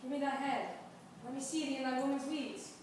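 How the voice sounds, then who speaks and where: A woman's voice: high voice, steady tone, fairly quick, natural voice. A woman playing a commanding lovesick duke. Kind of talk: amateur stage acting. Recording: echoey hall from far off, noisy.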